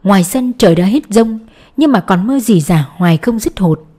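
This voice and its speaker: A woman narrating a novel audiobook in a steady storytelling voice. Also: mid-range voice, normal speed, slightly rough. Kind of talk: scripted narration.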